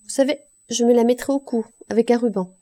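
A woman voicing a smug, jovial man who boasts and gossips in an audiobook, with a raised, louder voice. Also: fairly high pitch, fairly even intonation, quick pace, natural voice. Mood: gossiping.

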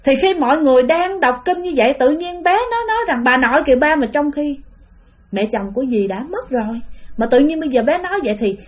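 A woman's voice: high-pitched, animated, a little fast, darkish tone. A woman with a Southern Vietnamese accent telling a ghost story in a chatty way, often addressing her listeners directly.

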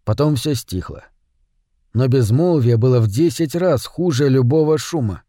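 A male narrator reading a novel aloud in an even, measured way. His voice is warm and mellow, and the recording is close and dry with no room sound. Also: medium pitch, no echo. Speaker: audiobook narrator. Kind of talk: scripted narration.

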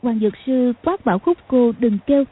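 A woman narrating a martial-arts novel as an audiobook, in a steady storytelling delivery. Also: fairly high pitch, a little fast, a little hiss or hum. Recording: tinny phone-like sound.

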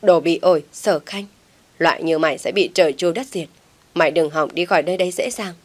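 A woman voicing angry village clansmen who shout curses and threats, in a read-aloud story. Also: fairly low pitch, brisk, natural voice. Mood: furious.

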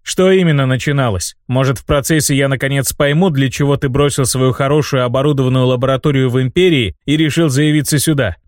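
A man's voice: mid-range voice, no room sound, clean studio sound, natural voice. A man voicing a sarcastic, defiant young male hero in an audiobook reading. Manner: sardonic, quick to shout in outrage.

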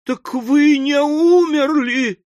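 A man voicing a hysterical middle-aged spinster aunt in an audiobook, shrill and gasping. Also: very animated, drawn-out words, no echo, studio quality, heavily acted.

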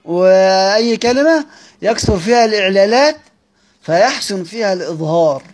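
Man, Egyptian accent, high pitch, lesson reading and explaining, repeats phrases, asks questions. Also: animated, moderate pace. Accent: Egyptian Arabic. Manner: repeats phrases, quizzes his listeners. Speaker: teacher of Quranic recitation.

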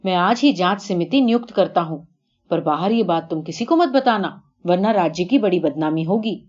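عورت کی آواز میں گھبرایا ہوا بادشاہ Krishna. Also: female voice, fairly low pitch, lively intonation, a little mellow, dull audio. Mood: worried. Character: anxious ruler Krishna, male, pleading then bargaining.

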